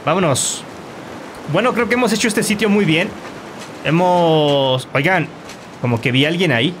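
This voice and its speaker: A man commentating his own gameplay, animated and quick to shout insults at enemies. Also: fairly high pitch, background noise. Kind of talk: let's play commentary.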